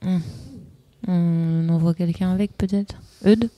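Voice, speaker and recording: A woman's voice: lowish voice, fairly even intonation, takes it slowly, dark tone. A woman talking casually as a player in a tabletop role-playing game.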